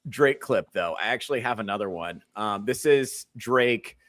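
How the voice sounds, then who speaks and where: A man's voice: lowish voice, moderate pace, dry recording. Ranting male podcast host, dry sound. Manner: animated ranting with swearing. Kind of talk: comedic podcast commentary on clips.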